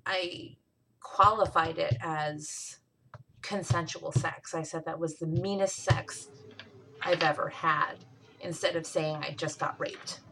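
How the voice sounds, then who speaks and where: A woman's voice: deep voice, steady tone, slow, vocal fry, sharp tone, slight background noise, low-quality recording. A young adult woman speaking candidly and bluntly in casual conversation, swearing freely as she tells her own story.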